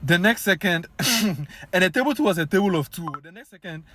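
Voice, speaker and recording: A young Ghanaian man with a Ghanaian accent, telling a story to his viewers in an animated, casual way full of fillers. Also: sits high, brisk. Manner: animated, many fillers, addresses viewers as guys. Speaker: vlogger.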